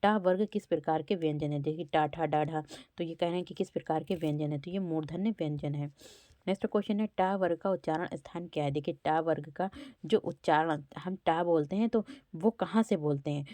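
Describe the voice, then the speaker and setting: Lady teacher doing exam prep, sounds out letters, lowish voice, dry close sound. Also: a little fast, warm tone, dry recording. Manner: walks through quiz questions, sounding out letters.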